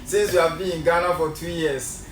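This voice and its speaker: A man's voice: on the high side, fairly even intonation, moderate pace, crowd noise. A man hosting his channel, asking questions in a friendly way and often repeating himself. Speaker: interviewer, channel host. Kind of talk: casual interview. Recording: echoey room from far off with music.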